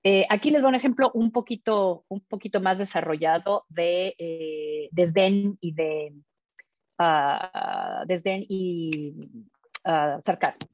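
A woman therapist speaking about couple communication, often pausing with fillers and restarting her sentences. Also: lowish voice, big pitch swings, a little mellow, no room sound. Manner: hesitant, many fillers and restarts, acts out examples. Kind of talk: live talk on couple communication. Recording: dull muffled dry sound.

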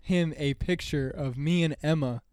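A man's voice: a little high, normal speed, smooth, no room sound, clean studio sound. Young man telling a casual story. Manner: relaxed storytelling, runs down lists. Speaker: podcast co-host. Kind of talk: casual podcast chat.

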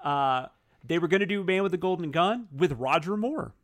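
A man's voice: high-pitched, animated, moderate pace, no echo. A man hosting a podcast in casual chat, rambling and self-deprecating, often laughing at himself. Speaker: podcast host.

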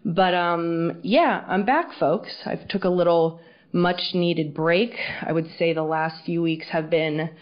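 A woman hosts a casual solo podcast in a fairly low voice. The audio is dull and muffled, so she sounds underwater. She speaks frankly and informally, with plenty of swearing. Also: takes it slowly. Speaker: podcast host.

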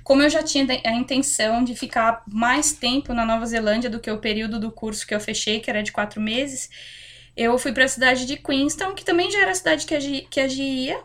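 Young Brazilian woman hosting a podcast; high voice; chatty, easygoing storyteller. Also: fairly quick. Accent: Brazilian Portuguese. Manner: chatty, relaxed personal storytelling. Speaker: podcast host. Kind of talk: casual chat.

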